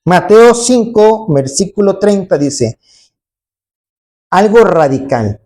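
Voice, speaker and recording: Very animated yet slow, the preacher's medium-pitched voice has a slightly mellow quality. The sermon to the congregation is emphatic, peppered with rhetorical tag questions and acted-out quoted voices.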